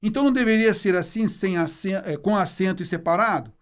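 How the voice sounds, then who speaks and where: A man voicing a puzzled student who questions and quickly objects during a grammar lesson. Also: high-pitched, natural voice. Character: puzzled student raising a doubt.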